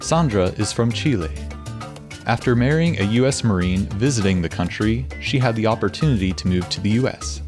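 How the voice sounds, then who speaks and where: A man hosting a radio program, reading a scripted introduction in a measured, even way. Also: on the low side. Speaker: radio show host. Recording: with background music. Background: background music.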